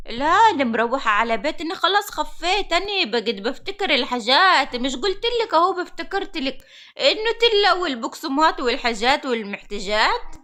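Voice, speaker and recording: A forgetful old beggar woman, acted by a woman for a cartoon story, rambling on in a high, bright, quavering voice that keeps cracking as if near tears. Her talk wanders from one thing to the next. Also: big pitch swings, a little fast, full character voice. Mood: proud. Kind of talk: animated story voice acting.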